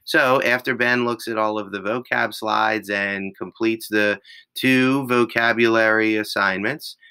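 Slow, patient raspy-voiced male teacher. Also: on the low side, fairly even intonation, bright, forceful tone, poor audio. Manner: slow, patient step-by-step explaining. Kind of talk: screen-recorded class tutorial.

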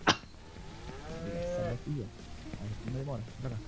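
A man giving casual let's-play commentary, excitable, calling out to viewers and coaxing animals aloud. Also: mid-range voice, quick pace, slight background noise. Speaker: gaming streamer.

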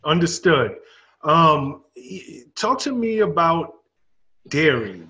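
A man in his forties hosting an interview over a video call, asking measured short questions. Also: fairly high pitch, very animated, pushed and bright. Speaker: host.

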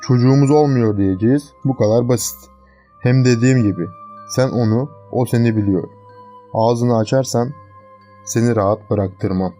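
A man voicing a calm, cold young fiancé who talks in a flat, coolly threatening way in a horror storybook reading. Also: mid-range voice, moderate pace, soft background music, close to an everyday voice.

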